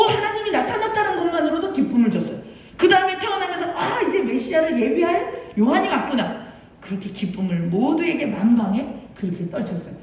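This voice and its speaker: A woman pastor giving an animated sermon to children, talking to them with playful asides. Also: a little high. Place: church sanctuary. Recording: far-off voice in a very echoey church hall.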